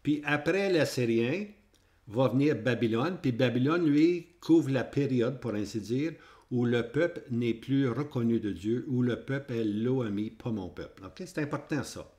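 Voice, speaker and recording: A man's voice: medium pitch, moderate pace, darkish tone. Man teaching with a Québécois French accent. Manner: repetitive, checks in with "hein?" and "ok?". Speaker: Bible teacher. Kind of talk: Bible prophecy lesson with maps.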